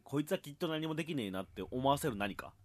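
Fast-talking animated man, dry sound. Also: a little high, dry recording. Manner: animated, quick, laughs often. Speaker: podcast co-host. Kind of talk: casual anime discussion.

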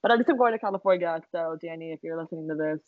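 Young woman podcaster, lowish voice, giggly and sweary, dull lo-fi recording. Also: very fast, dry recording. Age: young adult. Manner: chatty, swears freely, giggly. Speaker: podcast co-host. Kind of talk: casual chat. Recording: dull lo-fi sound.

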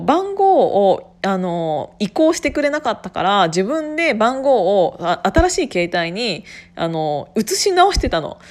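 A woman in her twenties from Gunma, hosting her own podcast in casual solo talk, chatty, with frequent laughs and fillers. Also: on the high side. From Gunma, Japan. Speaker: podcast host.

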